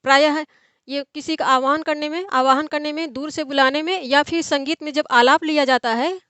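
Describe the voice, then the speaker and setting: A woman's voice: sits high, steady tone, normal speed, a bit bright, no room sound. A young woman tutoring for an exam in an online lecture, explaining step by step and answering her own questions. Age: young adult.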